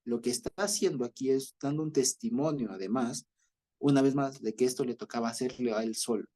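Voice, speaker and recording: A man with an Ecuadorian accent teaching a Bible study, explaining slowly and often checking that his listeners follow. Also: medium pitch, dark tone. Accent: Ecuadorian Spanish. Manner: explanatory, repeats himself with many fillers and checks for understanding. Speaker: preacher.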